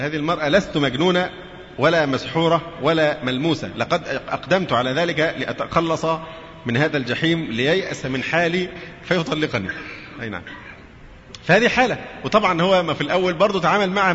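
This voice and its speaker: A man's voice: fairly high pitch, a bit bright. A man giving a religious lecture, mixing formal and colloquial Arabic and putting questions to his listeners. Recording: dull reverberant hall recording with faint noise.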